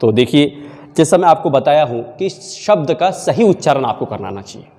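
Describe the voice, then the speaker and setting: A male teacher, explaining correct spellings and repeating words slowly, syllable by syllable. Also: fairly high pitch, sing-song, a little mellow. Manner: mixes in Marathi phrases. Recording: long hall reverb.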